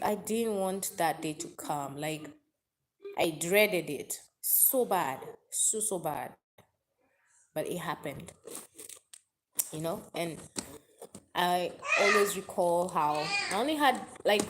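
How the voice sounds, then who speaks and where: A woman's voice: mid-range voice, slow pace, a little hiss or hum. A woman chatting openly and emotionally on a live stream, answering viewers' comments. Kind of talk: casual confessional live chat.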